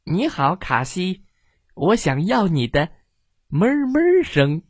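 A woman voicing an eager young male turkey in a storybook, coaxing and pleading in a raised, bright voice. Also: big pitch swings, slow, breathy edge, dry recording, clean studio sound, full character voice. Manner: bright, coaxing, higher than narration.

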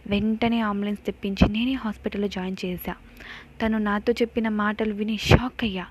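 A woman narrating a horror story in a steady, measured way. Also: medium pitch, breathy edge.

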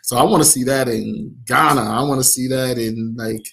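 A man's voice: medium pitch, steady tone, vocal fry, fairly bright tone, husky. A man from Nigeria, an app founder, talking casually in an interview with lots of fillers and restarts. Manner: many fillers, halting restarts.

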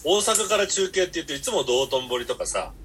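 A man's voice: on the high side, very animated, fairly quick, a bit bright, slight background noise. A man hosting a podcast, telling long rambling stories in blunt casual chat. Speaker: podcast host.

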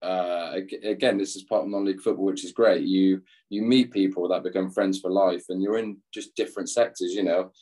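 This young English ex-footballer talks a little fast with few pauses, his low, dark voice holding a steady tone. As an interview guest he chats casually, rambling and frequently laughing at his own expense.

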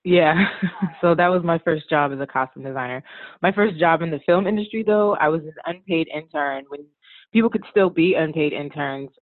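A woman's voice: deep voice, normal speed, no room sound. Chatty woman on a tinny line. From Washington DC area, USA. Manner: relaxed, chatty, frequent "like" and "um", laughs often. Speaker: guest, costume designer. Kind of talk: casual conversational interview. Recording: tinny phone-like line, dry.

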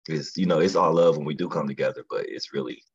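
A man's voice: very deep voice, fast, gravelly, breathy edge, no room sound, lo-fi sound. A man who does stand-up comedy, talking in a laid-back, slangy way as a podcast guest and telling stories. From lives in Atlanta area. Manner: laid-back, slangy, storytelling with quoted voices. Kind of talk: casual podcast chat.

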